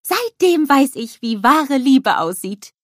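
A woman voicing an eager, innocent little male snowman with a high, excited, childlike manner. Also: slow pace, no room sound, clean studio sound, full character voice. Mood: proud.

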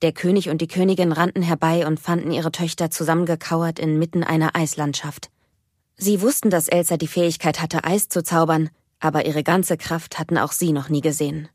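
Low-voiced woman reading a storybook. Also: fairly even intonation, a little fast, darkish tone, no echo, studio quality. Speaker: narrator. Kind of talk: storybook read-aloud.

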